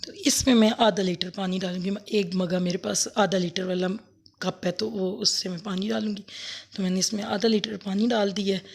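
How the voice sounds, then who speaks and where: Hoarse woman casually explaining a recipe. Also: mid-range voice, steady tone, fairly quick. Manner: homely, rambling, self-correcting explanations. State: hoarse with a sore throat. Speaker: cooking vlogger. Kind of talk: casual cooking demonstration. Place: home kitchen, later outdoors under a fan.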